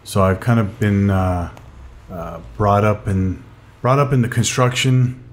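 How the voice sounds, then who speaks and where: Low-voiced middle-aged man, unhurried. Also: steady tone, slight background noise. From Glendale, California. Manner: unhurried, many fillers and restarts. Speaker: podcast guest, sales coach. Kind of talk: casual interview.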